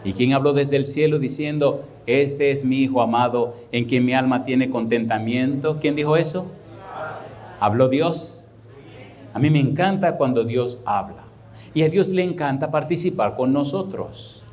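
Male pastor, sermon delivery, animated, voices the people in his anecdotes. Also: medium pitch, measured pace. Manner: animated preaching, repeats rhetorical questions; acts out dialogue in anecdotes.

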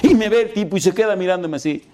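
A man's voice: sits high, racing, warm tone. A middle-aged male pastor who tells a story in his sermon, laughing often and putting questions to his congregation.

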